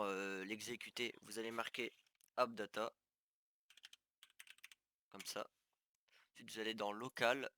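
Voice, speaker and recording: A man in a casual screen-recorded tutorial, pausing and restarting as he clicks through menus. His voice sits low but sounds bright and forceful. The recording is dry and close, with no room sound. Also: no echo. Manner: hesitant, many fillers and restarts; talks viewers through steps on screen. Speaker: gaming tutorial youtuber.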